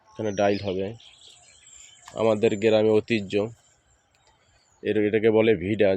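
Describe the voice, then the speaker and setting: A man's voice: fairly low pitch, mellow, a little hiss or hum. A man from Barisal with a Barisal Bengali accent, casually narrating a walk through village fields and explaining local words to viewers. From Barisal, Bangladesh. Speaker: village video host. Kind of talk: casual walking tour narration. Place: outdoors among village fields in the morning.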